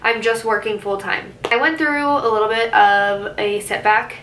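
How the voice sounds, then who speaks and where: Talking to camera from her car and later her bedroom, this twenties-aged vlogger keeps things chatty and loose, leaning on fillers like "like" and "I guess you could say" along with small asides. Her mid-range voice is fairly bright, moves at a normal speed, and stays fairly even in intonation. The audio is poor and reverberant, with a little hiss or hum.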